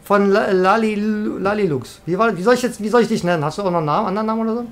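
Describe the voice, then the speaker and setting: A woman live-streaming a video game, chatting excitably with viewers and often trailing off and restarting. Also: mid-range voice, very fast, faint music behind. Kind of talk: casual live-stream chat while gaming.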